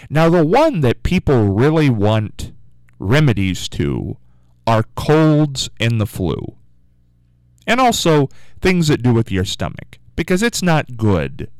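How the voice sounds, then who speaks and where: Low and somewhat dark in tone, a man's voice carries this casual morning call-in radio show with no echo. He wanders through musing, rambling remarks and keeps prompting listeners to phone in, speaking into a studio mic in the studio.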